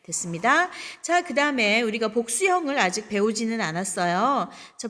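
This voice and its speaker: A woman teaching a language lesson, modelling words slowly and running repetition drills with quick check questions. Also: on the high side, a bit bright, in a large hall. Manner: slow, deliberate model pronunciation of words; repeats drills and asks rhetorical check questions. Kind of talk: textbook review lesson.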